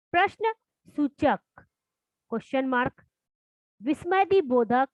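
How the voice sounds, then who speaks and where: High-voiced woman teaching grammar. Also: no room sound. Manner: reads definitions slowly, then explains with questions to pupils. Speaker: school teacher. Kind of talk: classroom grammar lesson. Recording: dull lo-fi dry recording.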